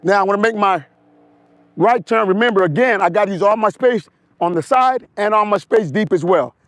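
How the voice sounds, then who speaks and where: A motorcycle instructor coaches a slow-speed riding exercise step by step, repeating short cues, recorded outdoors on a wireless mic with no echo. His hoarse voice sits high and is a bit bright.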